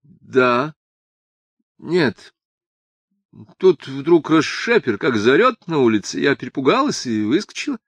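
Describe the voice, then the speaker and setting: A man's voice: mid-range voice, very animated, slow, pauses often, husky, no echo, voice pushed up, full character voice. A man reading an audiobook and voicing a languid young woman in a drawling, lazy, teasing manner. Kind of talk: audiobook character voice.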